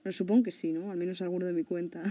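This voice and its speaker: A woman's voice: lowish voice, fairly quick, mellow, slight background noise. Chatty woman podcast host. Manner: chatty, laughs often, swears casually. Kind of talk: casual podcast chat.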